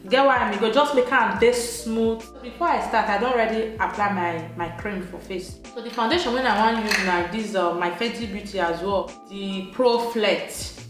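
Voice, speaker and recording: A woman's voice: mid-range voice, moderate pace. A young Nigerian woman with an Edo accent, chatting her way through a makeup tutorial in Pidgin English, laughing often. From Nigeria, Benin City, Edo State. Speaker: beauty vlogger. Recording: very echoey room, soft music behind.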